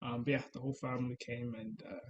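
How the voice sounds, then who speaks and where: A man's voice: mid-range voice, level tone, fast, vocal fry, dull audio. Hesitant young man from Rwanda. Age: young adult. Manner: hesitant, many ums and uhs, laughs often. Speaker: interview guest. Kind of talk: casual interview chat.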